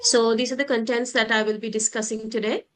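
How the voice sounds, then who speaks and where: A young woman with a Sri Lankan accent giving an academic presentation on an online call, halting often with filled pauses. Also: fairly high pitch, little pitch movement. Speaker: research scholar presenting a paper.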